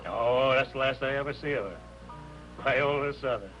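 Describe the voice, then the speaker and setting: A man's voice: medium pitch, moderate pace, a bit bright, natural voice. An actor playing a blunt, folksy old male doorman of a rehearsal hall in a 1950s TV drama. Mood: reminiscing. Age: older. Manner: folksy, blunt working-class talk. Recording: dull lo-fi 1950s TV soundtrack with music.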